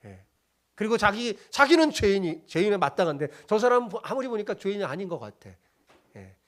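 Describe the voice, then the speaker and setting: A man's voice: high voice, very animated, brisk, a bit bright. A middle-aged man preaching a sermon as pastor, reading scripture with his congregation and acting out the mockers in blunt everyday speech. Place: church sanctuary.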